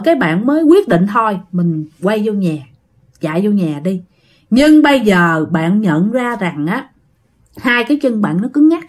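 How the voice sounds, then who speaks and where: Animated Southern Vietnamese woman storyteller. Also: on the high side. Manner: animated, addresses listeners directly, dramatic emphasis. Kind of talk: casual ghost story narration.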